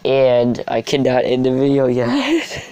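A young man giving casual, sarcastic commentary over his gameplay, with sudden excited outbursts. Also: mid-range voice, slow pace, clear, resonant tone. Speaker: gaming video host.

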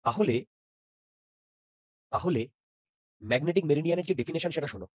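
A man's voice: a little high, animated, brisk, darkish tone, husky, dry recording, clean studio sound. A man teaching physics in an interactive online class, often checking whether students follow and mixing in English terms.

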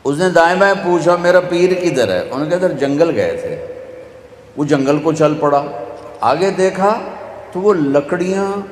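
Punjabi-accented preacher in an echoey hall. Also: male voice, a little high, expressive. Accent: Pakistani Punjabi. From Pakistan. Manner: storytelling, acts out dialogue, switches into Punjabi for punchlines. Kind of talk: sermon. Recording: echoey hall, faint ambience.

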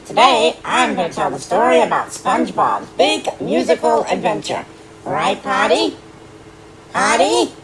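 A woman voicing a jolly male pirate who tells stories to kids, hearty and loud. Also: mid-range voice, sing-song, measured pace, crowd noise.

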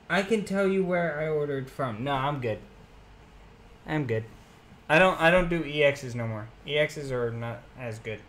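A man's voice: a little high, a bit bright. A young man streaming live, reading card names aloud as he opens packs and chatting casually with his viewers.

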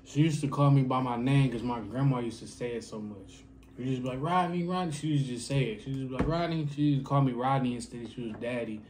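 A young man talks casually as he eats, hosting a family vlog. His phrasing is colloquial and lightly teasing, aimed at a child. There is clear noise behind his voice. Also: mid-range voice, fairly even intonation, quick pace, a little mellow. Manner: eating while talking. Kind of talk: casual chat.

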